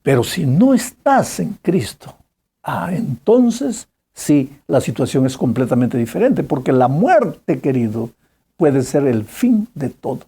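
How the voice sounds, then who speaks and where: A preacher giving a sermon, telling a story with lively emphasis, repeating phrases and asking the listener direct questions. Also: mid-range voice, slow pace, slightly rough.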